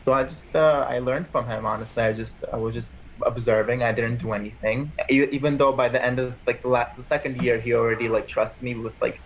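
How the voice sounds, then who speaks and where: A man's voice: medium pitch, steady tone, a little fast, hardly any pauses, slight background noise, rough recording. A man in his twenties, born in Armenia, talking casually as an interview guest and rambling with lots of "like" and restarts. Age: 20s. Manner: rambling, heavy use of "like" and restarts. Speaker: interview guest, PA school applicant.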